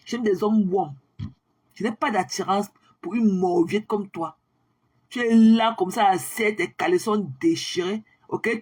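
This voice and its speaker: Scornful husky-voiced woman ranting. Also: mid-range voice. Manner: scornful, taunting, mixes in English phrases. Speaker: social media livestreamer. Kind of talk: ranting monologue to viewers.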